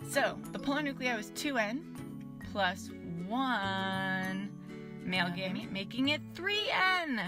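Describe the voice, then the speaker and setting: A young adult woman presenting casual educational science outdoors in a bright, curious, enthusiastic and chatty manner. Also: medium pitch. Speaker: science show host. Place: outdoors in a backyard.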